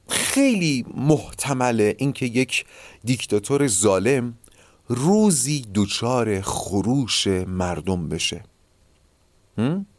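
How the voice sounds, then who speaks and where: Guy doing a solo podcast, close mic, dead dry sound, voice moves up and down a lot, explains stuff slowly and talks right to you. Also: medium pitch, darkish tone, no echo. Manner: measured, explanatory, addresses listeners directly. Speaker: podcast host. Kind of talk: solo philosophical podcast monologue.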